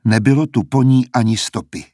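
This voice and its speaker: A man narrating an audiobook in a steady, measured storytelling manner. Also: medium pitch, no echo, clean studio sound.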